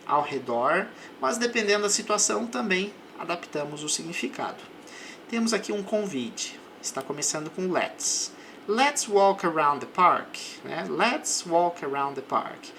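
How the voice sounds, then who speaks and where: A man with a Brazilian Portuguese accent teaching English, explaining words patiently and slowing down to model each example phrase. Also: fairly high pitch, a bit bright, a little hiss or hum. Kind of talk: slow explanatory language lesson.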